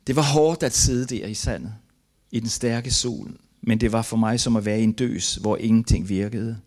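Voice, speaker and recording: Reading aloud from the memoir he wrote, an older man from Denmark, a missionary, gives his testimony haltingly, earnest and weighed down by grief. His voice sits fairly low with a somewhat dark tone.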